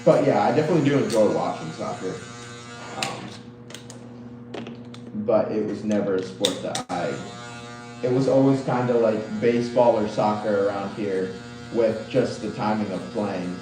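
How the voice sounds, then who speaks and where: Brief: young man from Guatemala, lowish voice, hesitant casual chat, far off in an echoey room with music behind. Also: normal speed, pauses often. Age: young adult. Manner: hesitant, lots of fillers and restarts. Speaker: barbershop customer. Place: barbershop.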